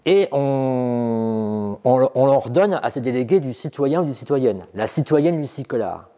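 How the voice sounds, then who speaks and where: Speaking at a medium pitch, this middle-aged exhibition guide sounds expressive, a bit slow and dark in tone. He talks visitors through the indoor exhibition room off the cuff, hesitating with many fillers and restarts, while the space echoes around him.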